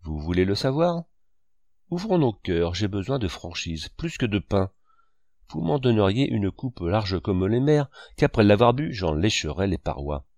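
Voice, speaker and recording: A man's voice: on the low side, sing-song, a little slow, a little mellow, no room sound, studio quality. A man reading the lines of a tormented, grandiose man who believes he is Christ, pouring out feverish pleas. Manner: pleading, feverish outpourings. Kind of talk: audiobook reading.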